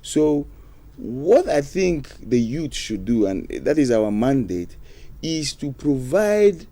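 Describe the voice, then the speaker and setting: A man's voice: mid-range voice, sing-song, slow pace, warm tone. A man answering interview questions as a studio guest, hesitant with many fillers. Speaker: studio guest, youth program official.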